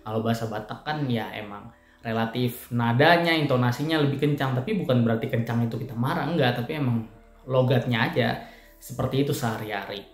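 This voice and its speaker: A man giving a casual evening devotional talk in a church, explaining with everyday examples in a conversational way. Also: mid-range voice. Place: church room. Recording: echoey room with faint music.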